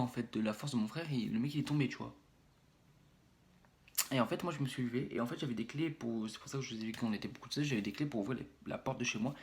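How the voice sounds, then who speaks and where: A man's voice: mid-range voice, creaky, slight background noise. A young man from France with a French accent tells a personal story on his vlog, rambling with many fillers and restarts and acting out blows with sound words. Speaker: YouTuber.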